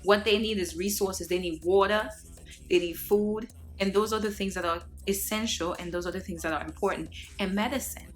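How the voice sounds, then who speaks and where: Faint music plays behind this Haitian vlogger, whose mid-range voice stays steady as she talks fairly quickly. Addressing the camera casually, she lectures viewers earnestly, often using fillers and starting over.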